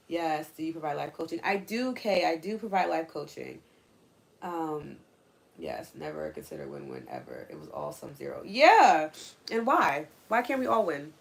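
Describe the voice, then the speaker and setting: A young adult woman hosting a spiritual coaching livestream, talking casually and earnestly, answering her chat and asking questions out loud. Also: low-pitched, creaky. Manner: earnest, questioning, animated asides.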